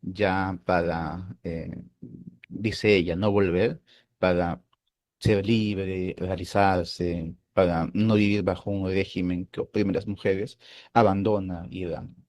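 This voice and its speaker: A man hosting a philosophy channel, talking through a film in a thoughtful, hesitant way, often pausing and checking in with his listeners. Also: low voice, fairly even intonation, a little mellow, no echo, clean studio sound. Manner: thoughtful, hesitant, with frequent "eh" and tag questions. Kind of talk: casual film commentary.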